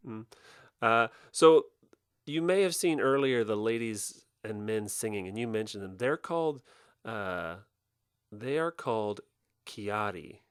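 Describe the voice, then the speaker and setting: A man's voice: on the low side, clean tone. A young adult man co-hosting a podcast, joking around in casual commentary over festival footage. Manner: joking, animated, quick deadpan gags. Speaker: podcast co-host.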